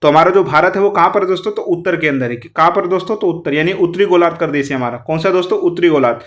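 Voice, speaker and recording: Fast-talking male teacher. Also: a little high. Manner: fast, repetitive, keeps asking the class questions. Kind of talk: exam-prep lesson, explaining quiz answers.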